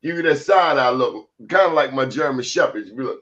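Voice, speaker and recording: A man's voice: mid-range voice, lively intonation, a little fast, a bit bright, muffled recording, a little hiss or hum. A man hosting a talk show, telling comic stories in casual, colloquial, exclamatory chat.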